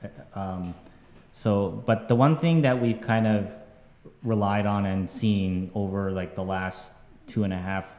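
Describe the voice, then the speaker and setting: Rambling low-voiced man in an echoey room. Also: measured pace, a little mellow. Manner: rambling, many fillers and tag questions. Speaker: game developer on a dev stream. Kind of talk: casual panel chat. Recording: echoey room with long reverb.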